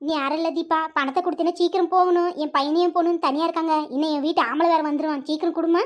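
A woman plays a touchy middle-aged village woman in a cartoon, with a very high, squeaky voice. She fires off sharp, scolding retorts at a fast clip. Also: steady tone. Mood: impatient. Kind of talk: cartoon voice acting.

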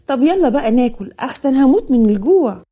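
Woman reading soft-spoken young heroine, earnest, high mellow voice. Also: a little fast, close to an everyday voice. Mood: tender. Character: young woman in love, gentle and emotional.

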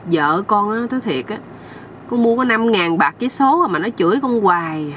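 A woman's voice: mid-range voice, expressive, moderate pace, a bit bright, slight background noise, close to an everyday voice. A woman with a Southern Vietnamese accent voicing a glum, naive young husband who pleads for advice. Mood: whiny. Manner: whiny, pleading.

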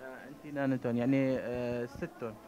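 A man in his thirties with a Syrian Arabic accent, a TV reporter interviewing children and parents in a shop, playful with the kids and warm with adults. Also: medium pitch, little pitch movement, fast, highs cut off. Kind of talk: street interview. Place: busy indoor children's clothing shop. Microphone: handheld reporter mic. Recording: crowd chatter behind.

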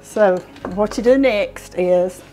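A Southern US woman in her sixties hosts a home cooking show, explaining each step in a folksy, informal way as she works in her home kitchen. Her medium-pitched voice is mellow and slow, picked up on a clip-on lapel mic with poor audio and faint music behind.

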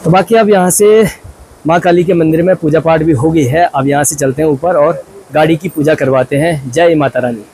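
A young man from Uttarakhand with a high voice talks through a casual travel vlog, chatty and pointing things out as he goes. He is outdoors by hill temples and a river, filming himself on a handheld phone. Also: moderate pace, a little mellow, husky. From Uttarakhand, India. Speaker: vlogger.

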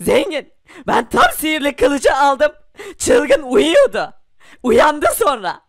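A man's voice: very high voice, wildly swooping pitch, slow, gravelly, a bit bright, no echo, clean studio sound, full character voice. A man voicing a panicky, tearful poor young man who talks in a breathless, pleading way, crying through his words. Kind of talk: hobby animation voice acting.

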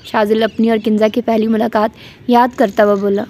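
A woman's voice: a little high, flat delivery, brisk, mellow, a little hiss or hum. A woman reading a romantic novel aloud as an audiobook, speaking both the narration and every character's lines herself. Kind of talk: storytelling narration with character voices.

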